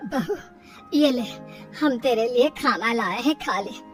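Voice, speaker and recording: A woman voicing a timid, resigned older mother-in-law who gives hushed advice. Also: a little high, lively intonation, slow pace, distant mic, soft background music.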